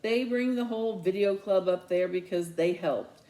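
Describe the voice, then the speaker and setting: A high-pitched male voice, mellow and at a moderate pace, comes through a rough recording. It's a woman voicing a resentful, sarcastic middle-school boy in a children's novel read aloud, sounding bitter, indignant and sarcastic.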